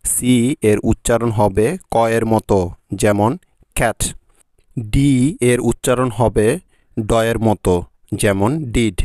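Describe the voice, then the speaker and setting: A man's voice: on the low side, steady tone, slow pace, long pauses, darkish tone, no echo, clean studio sound. A man narrating a scripted language lesson, spelling out letters and their sounds one at a time. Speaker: English teacher.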